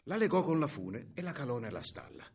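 Gravelly, animated male fairy-tale storyteller. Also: mid-range voice, brisk. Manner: expressive, animated reading.

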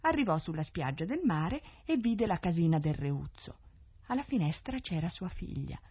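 A woman narrates a fairy tale in an expressive, lilting voice, slightly low with lively pitch and a husky grain. It is a 1970s radio broadcast, and the sound is dull and dry. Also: normal speed, no echo. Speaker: storyteller.

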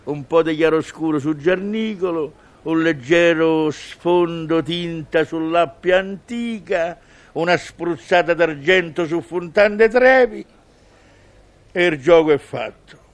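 A man's voice: a little high, slow pace. A man with a Roman accent delivering a humorous, musing monologue in colloquial dialect, conversational and wry. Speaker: comic monologist.

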